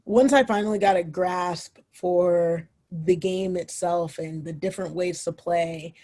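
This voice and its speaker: A woman's voice: on the low side, steady tone, a little slow, mellow. A young woman, a former college footballer, casually telling her story as a podcast guest, with many fillers and restarts.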